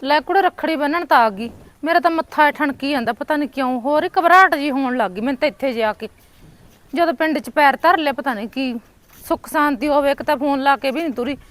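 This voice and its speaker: Distraught Punjabi woman with a bright high voice. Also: fast. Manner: wailing, accusing, distraught. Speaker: daughter. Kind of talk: village short-film acting.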